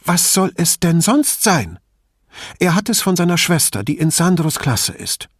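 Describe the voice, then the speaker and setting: A man's voice: a little high, big pitch swings, slightly rough, no echo, studio quality, voice pushed up, heavily acted. A man voicing a worried, defensive woman professor who talks about her son in a storybook reading. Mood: anxious. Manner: tense and quick to bristle.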